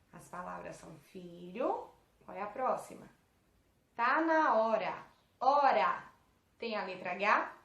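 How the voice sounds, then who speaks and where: A woman teacher with a Brazilian Portuguese accent, patiently correcting homework with young pupils and asking them questions. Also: on the high side. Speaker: primary school teacher. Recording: echoey room.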